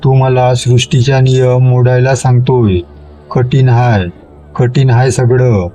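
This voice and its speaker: A man's voice: medium pitch, level tone, slow pace, warm tone, a little hiss or hum, lightly acted. A man voicing a menacing male demon spirit in a spoken horror story, talking in a growling, cackling manner.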